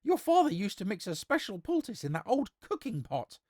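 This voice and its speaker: Elderly village woman performed by a male reader for a storybook: raised pitch, humble, pleading, dry sound. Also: huge pitch swings, fairly quick, darkish tone, no room sound, exaggerated voice. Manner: deferential, pleading. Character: pleading old peasant grandmother.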